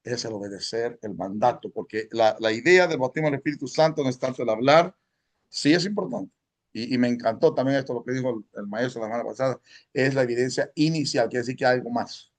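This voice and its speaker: At medium pitch and a slightly quick pace, the Salvadoran Sunday school teacher talks to his church class in a conversational way. He often pauses to check in with listeners and drops English words into his talk.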